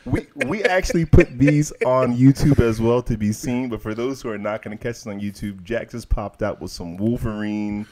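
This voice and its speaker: A man in his forties hosting a casual podcast chat, excitable and joking. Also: medium pitch, normal speed, hardly any pauses. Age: 40s. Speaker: podcast host.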